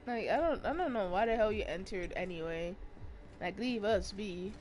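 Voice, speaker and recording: A woman's voice: mid-range voice, lively intonation, normal speed, noisy background. Sarcastic young woman gaming. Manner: sarcastic, profane, talks back to characters. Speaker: gaming streamer. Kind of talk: casual let's-play commentary.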